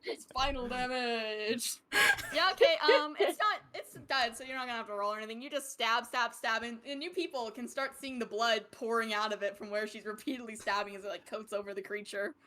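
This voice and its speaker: A woman's voice: a little high, a little fast, pushed and bright. A woman running a tabletop game, narrating casually and loosely as game master, with swearing and frequent giggles. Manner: giggly, often laughing as she talks.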